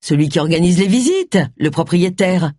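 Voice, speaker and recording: A reader voicing a self-assured, pushy man who talks in a low, offhand way. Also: sing-song, normal speed, dark tone, no room sound, studio quality. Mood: smug. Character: smug, pushy man, a would-be seducer.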